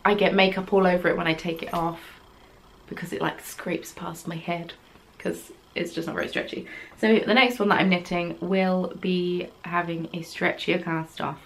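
Chatting casually on her knitting podcast, a young woman speaks in a lowish, flat voice at a moderate pace. She rambles, pokes fun at herself and says um a lot, sitting in a small craft room at home with yarn on the wall behind.

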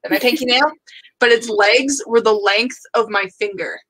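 A woman's voice: on the high side, normal speed, a bit bright. A young woman, chatting casually as co-host and acting out her own reactions. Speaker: co-host of writing sprint stream. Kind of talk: casual chat.

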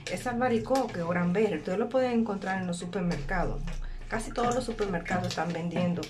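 A woman talks through a kitchen task in a casual, step-by-step way. Her pitch sits in the middle range, and she often repeats herself and checks that you follow. Clear background noise runs behind her phone recording. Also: quick pace. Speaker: home cooking vlogger. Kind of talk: casual cooking demonstration. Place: small indoor kitchen at a workplace.

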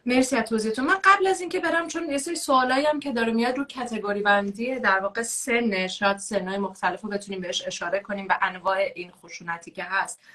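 Measured woman hosting an interview. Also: mid-range voice, pushed and bright. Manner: measured, reads out viewer questions. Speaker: host.

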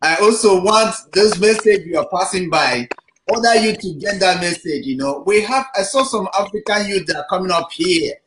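A man hosts a talk show over a video call, affirming his guest with lots of "you know"s. His voice sits high and fairly bright, at a normal speed. The webcam audio is roomy and picks up background noise.

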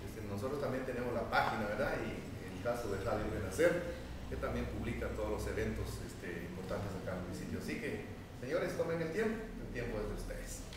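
A man's voice: on the low side, lively intonation, a little fast, noisy background. Middle-aged man, mayor's welcome speech, hesitant with fillers, echoey room, far mic. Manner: hesitant, many fillers and tag questions. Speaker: town mayor welcoming visitors. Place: medium indoor meeting room. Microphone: far camera.

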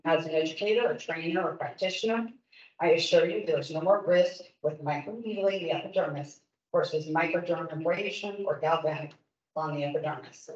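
With a low, somewhat dark voice, a fifty-something Oregon esthetician gives earnest, forceful public comment to a licensing board. She's in a large meeting room, picked up by a far-off room microphone that leaves the sound roomy and muted.

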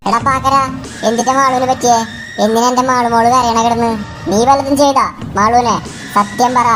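A woman's voice: a little high, fairly even intonation, brisk, over music, lightly acted. A woman voicing a stern male schoolteacher who presses his class for answers. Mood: demanding. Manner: pressing, demanding. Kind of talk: fan cartoon dub.

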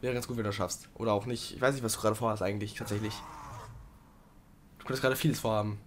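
A young man doing casual let's play commentary, chatting to the game creature and sometimes swearing loudly. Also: lowish voice, fairly even intonation, racing, slight background noise.

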